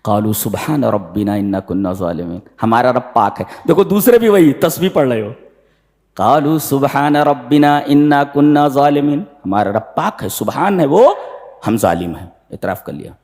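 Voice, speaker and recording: A male preacher delivers a sermon, reciting Arabic verses before explaining each one. His voice is lively and swoops widely in pitch. The sound rings with a long reverb, as if in a big hall. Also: moderate pace. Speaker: preacher giving Quran commentary.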